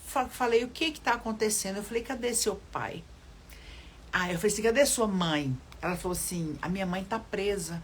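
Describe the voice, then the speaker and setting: A woman's voice: medium pitch, brisk, slight background noise. An older woman from Brazil preaching in a livestream sermon, earnestly addressing viewers and repeating phrases for emphasis. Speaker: children's ministry leader.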